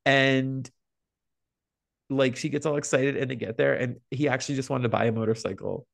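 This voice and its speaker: Gravelly man chatting on a podcast. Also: mid-range voice, normal speed. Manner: animated, gossipy storytelling. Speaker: podcast co-host. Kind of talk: casual podcast chat.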